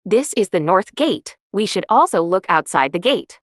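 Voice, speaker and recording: A woman giving calm, measured, scripted travel narration as a vlogger on a winter hike. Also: mid-range voice, dry recording, clean studio sound.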